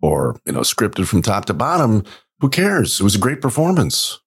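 A man co-hosts a casual podcast in a low, gravelly, husky voice. His pitch swings widely, and he stays laid-back, laughing easily between short, agreeing remarks. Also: wildly swooping pitch, moderate pace. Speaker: podcast co-host.

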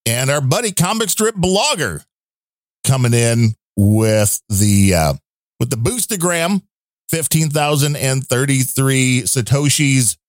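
Podcast co-host, man, mid pitch, rambling and wry, dry close sound. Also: lively intonation, takes it slowly, no echo. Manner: chatty, rambling, wry asides. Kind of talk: casual chat reading donor thanks.

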